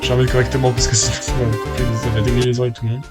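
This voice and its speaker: A man streaming a game, tossing out quick, blunt asides with swearing while his throat is sore. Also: medium pitch, level tone, loud music behind the voice. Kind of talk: casual game-stream chat.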